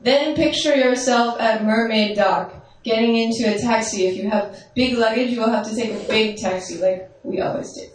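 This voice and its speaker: Speaking at a normal pace with hardly any pauses, this woman guides a meditation through visualizations, frequently checking on her listeners. Her voice is on the high side, strong and carrying, but she uses no microphone, so the recording is distant, echoey from the big hall, and carries a little hiss or hum.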